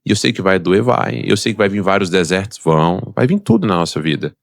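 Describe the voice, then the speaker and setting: A middle-aged man with a Brazilian Portuguese accent tells his life story as a podcast guest, fast and emphatic. His voice has a gravelly rasp and sits at an ordinary pitch. The sound is close and dry. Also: sing-song, no room sound. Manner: emphatic and motivational, acts out quoted voices. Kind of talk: personal storytelling in a podcast interview.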